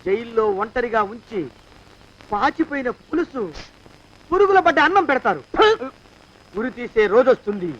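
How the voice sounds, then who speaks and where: A man's voice: very high voice, sing-song, normal speed, long pauses, dull audio, exaggerated voice. A man playing a comic film character who talks in a theatrical, gloating storytelling way.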